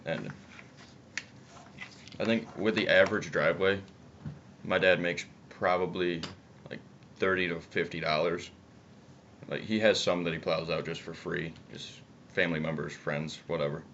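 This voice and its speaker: A man's voice: low-pitched, steady tone, moderate pace, long pauses, a bit bright. A young man chats casually and bluntly, swearing, with chewing tobacco in his lip. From upstate New York, United States. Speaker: video co-host. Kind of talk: casual political chat. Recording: muffled, noisy amateur video audio.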